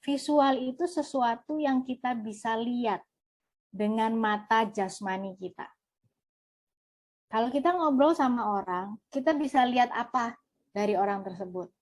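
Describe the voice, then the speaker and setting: Lively woman trainer. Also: on the high side. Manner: lively, asks and answers her own questions. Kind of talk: online workshop lesson.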